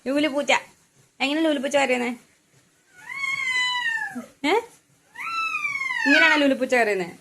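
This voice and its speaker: A woman with a Kerala Malayalam accent talks in a bright, higher voice, teasing and coaxing a little child through a home cooking session. Kitchen clatter and a faint hiss sit behind her. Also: fast, creaky. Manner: playful, coaxing talk to a small child. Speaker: home cook vlogger. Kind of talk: casual family cooking chat.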